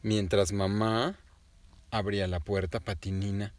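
A man telling a child an improvised bedtime story, gently and animatedly addressing the listener. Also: fairly low pitch, flat delivery, a little slow.

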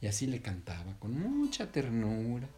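A man gently telling an improvised bedtime story to his child, pausing to correct himself. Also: medium pitch, wildly swooping pitch, faint music behind. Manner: gentle, unhurried, self-correcting.

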